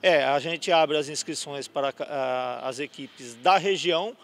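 A middle-aged man's somewhat high, slightly bright voice unhurriedly explains the rules of the youth futsal cup he organizes. Interviewed in a sports gym on a handheld reporter mic, he is explanatory and uses fillers.

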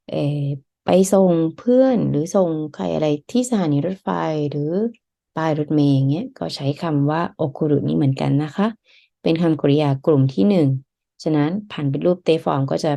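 A woman with a low, gravelly voice teaches a language lesson. Her tone is dark and mellow, and she explains each step patiently and politely.

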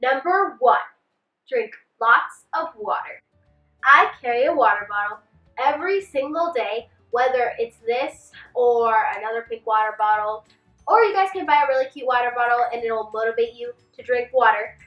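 Seated in a small bedroom set beside a clothes rack, a young woman chats through beauty tips for a casual vlog, gesturing plenty as she talks. Her voice is a little high at normal speed, stuffy from a cold and slightly lisping from a retainer. The roomy camera mic sits a bit distant, the highs are cut off, and soft music plays underneath.

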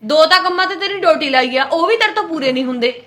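A woman's voice: high-pitched, lively intonation, fast talker, a bit bright. A woman playing a stern elder sister-in-law in a family short film, lecturing and scolding the younger wife.

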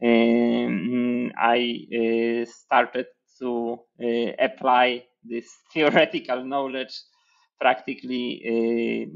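A man in his forties from Poland with a Polish accent, speaking as an interview guest in a measured, hesitant way with many fillers. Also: medium pitch, vocal fry, highs cut off. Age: 40s. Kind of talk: interview over video call. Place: room with hexagon panel wall. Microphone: headphones with mic on video call.

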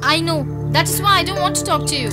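A woman dubbing a young daughter in an English film dub, soft and earnest. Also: very high voice, fast. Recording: film soundtrack with loud music. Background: film score.

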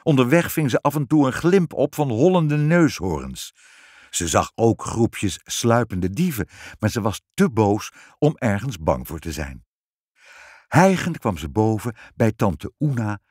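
A man with a Dutch accent reading a fairy tale aloud, his pitch rising and falling with animation. His voice is at a middling pitch for a man. The recording is close and dry. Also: unhurried, breathy edge, dry recording. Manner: expressive, animated. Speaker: narrator. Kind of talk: storybook reading.

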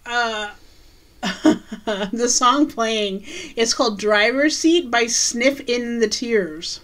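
Woman podcast co-host with a slightly high voice, casual recap, chatty with quick asides. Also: fairly bright tone. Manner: chatty, recounts scenes with quick asides and laughs. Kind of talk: casual chat recapping a TV episode.

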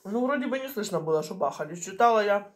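A middle-aged woman chatting casually in short phrases with pauses as she eats, chewing while she talks, recorded in a home kitchen. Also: mid-range voice, animated. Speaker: mukbang vlogger. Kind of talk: casual chat while eating. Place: small home kitchen, indoors. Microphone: camera on the table at arm's length.

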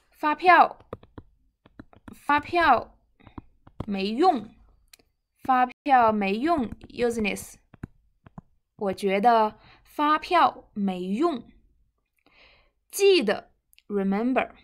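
Seated indoors at a computer, a young female Mandarin teacher with a Chinese accent runs an online vocabulary lesson. She speaks extremely slowly in a fairly high voice, deliberately repeating words and short phrases with clear emphasis.

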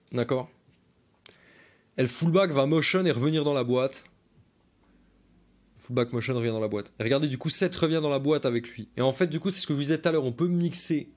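A man coaches viewers through football film in a live stream, in an easy, chatty way. He repeats his key points and stops now and then to answer viewer comments. He speaks close to a desk mic at his computer. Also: medium pitch.

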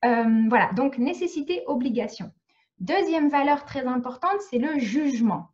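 A woman's voice: high-pitched, expressive, normal speed, a little mellow, highs cut off. A woman from France teaching French in a live online lesson, explaining patiently and checking often that students follow. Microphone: video call.

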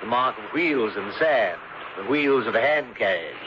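Actor doing a suave, scheming uncle, genteel and oily, 1970s radio play, loud hiss. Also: male voice, mid-range voice, expressive, normal speed, close to an everyday voice. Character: smooth, sinister middle-aged uncle, scheming. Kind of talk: 1970s radio drama acting. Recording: hissy lo-fi vintage radio recording.

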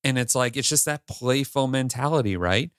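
A man's voice: medium pitch, moderate pace, fairly bright tone, clean tone, dry recording. Brief: man in his forties, casual podcast co-host, clean resonant voice, dry close mic. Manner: candid, rambling with restarts and swearing. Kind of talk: casual chat.

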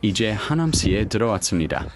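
A man narrates a vlog in a scripted, slangy style. His voice sits a little low but moves with lively intonation, over faint outdoor noise. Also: brisk.

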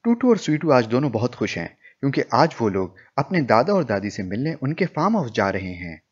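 A man's voice: medium pitch, sing-song, brisk, slightly rough, muffled recording. Man narrating a playful cartoon horror story.

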